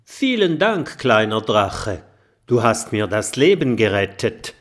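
Professor Champignon: a man playing an anxious, hushed professor, secretive, slow-spoken. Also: lowish voice, big pitch swings. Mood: grateful. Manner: whispering, secretive. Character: nervous timid male professor, adult.

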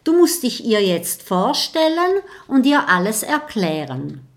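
A woman's voice: a little high, big pitch swings, a little slow. A woman voicing a friendly little male dragon in an audiobook, earnest and encouraging. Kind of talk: audiobook character voice.

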